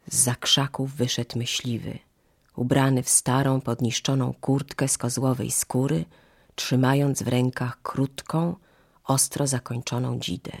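A narrator telling a fable in calm, measured storytelling. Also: medium pitch, vocal fry, husky.

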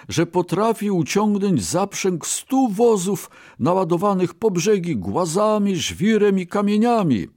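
A man voicing a poor, excitable Brahmin in a storybook reading, raising his voice high and exclaiming. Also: no echo, studio quality, heavily acted.

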